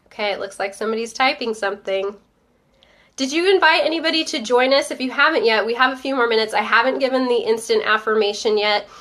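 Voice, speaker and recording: A stuffy-nosed woman hosts a live stream, her slightly high voice upbeat and chatty. She talks straight to her viewers and reads out their comments as they come in. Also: fast, a bit bright. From Northern Virginia. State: stuffy, coming down with a cold. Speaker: host of a live-streamed show. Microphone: webcam or phone on a live stream.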